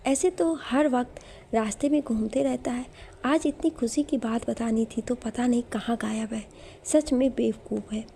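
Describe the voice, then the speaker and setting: A woman's voice: a little high, steady tone, normal speed, vocal fry, warm tone, a little hiss or hum. A woman storyteller voicing an earnest, ambitious young daughter in a spoken storybook.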